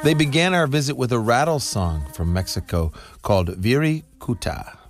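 A man hosting a radio program, introducing guests and asking questions in a calm, measured way from a studio. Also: mid-range voice, soft background music. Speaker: radio host. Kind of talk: radio interview and narration.

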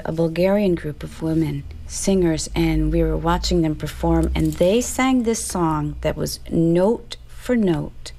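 A woman from Northern California, a guest singer, telling a story in an interview with animated, warm delivery. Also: on the low side, gravelly. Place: radio studio.

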